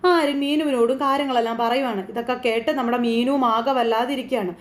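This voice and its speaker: A woman's voice: fairly high pitch, steady tone, echoey room. A woman casually retelling a TV serial episode in chatty storytelling style. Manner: chatty, quick storytelling with filler tags. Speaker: TV serial recapper.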